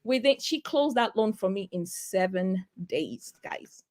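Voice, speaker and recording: A real estate agent telling a personal story in an interview, animated and acting out the dialogue she recalls. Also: medium pitch, measured pace. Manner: animated, acts out quoted dialogue.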